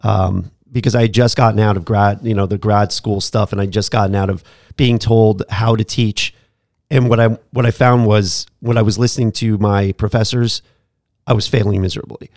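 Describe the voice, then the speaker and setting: A man hosting a podcast, telling a story about his teaching days in a casual, animated way with frequent laughs and restarts. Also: lowish voice, normal speed, dry recording, studio quality. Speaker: podcast host, former teacher.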